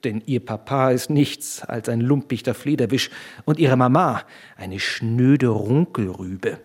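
A man's voice: medium pitch, unhurried, darkish tone, breathy edge. A man doing a dreamy, unhinged young student. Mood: fervent.

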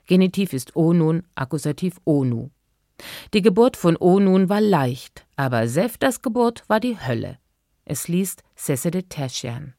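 A woman's voice: lowish voice, animated, unhurried, mellow, dry recording. A woman presenting a radio reading series, giving a composed scripted introduction in a studio.

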